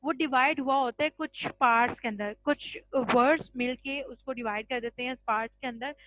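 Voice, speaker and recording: A woman's voice: high-pitched, fairly bright tone, poor audio. A woman teaching English grammar in a patient classroom style, mixing Hindi with English terms and checking in with "ठीक है?" after each point. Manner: addresses students as children.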